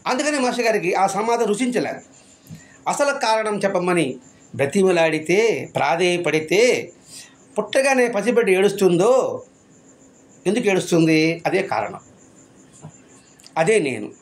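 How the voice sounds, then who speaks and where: A man's voice: high voice, lively intonation, measured pace, pauses often. A man giving a devotional discourse, full of rhetorical questions and repeated phrases. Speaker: spiritual speaker.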